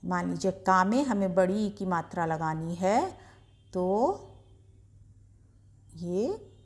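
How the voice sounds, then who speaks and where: A woman's voice: on the low side, slow pace. A woman teaching beginners to read, patiently sounding out each syllable and stressing the long vowels. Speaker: Hindi reading teacher. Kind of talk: slow beginner reading lesson.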